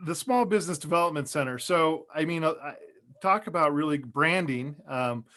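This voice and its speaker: A man's voice: a little high, moderate pace, fairly bright tone. A man hosting a podcast in casual chat, with a jokey, folksy way of talking. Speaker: podcast host.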